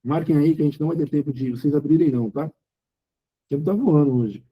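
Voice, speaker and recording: A man's voice: on the high side, fast talker, husky, dull audio. A middle-aged man with a Brazilian accent preaching an informal sermon to couples, talking conversationally and acting out quoted dialogue. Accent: Brazilian Portuguese. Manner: conversational, acts out quoted dialogue, rhetorical questions. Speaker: preacher leading a Bible study for couples.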